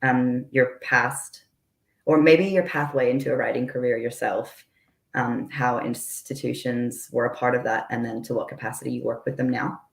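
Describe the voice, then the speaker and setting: Gravelly young woman host, roomy sound. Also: a bass voice, fairly even intonation, moderate pace. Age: young adult. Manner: friendly, affirming, lots of "mm-hmm". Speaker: interview host. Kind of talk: conversational panel interview.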